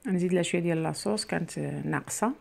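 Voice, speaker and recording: A woman's voice: on the low side, racing, gravelly, darkish tone. Moroccan lady chatting away while she cooks, home kitchen, mic on the counter, talks straight to the viewers. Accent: Moroccan Arabic. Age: middle-aged. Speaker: cooking channel host. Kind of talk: casual cooking vlog chat. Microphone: camera near the worktop, speaker mostly off frame.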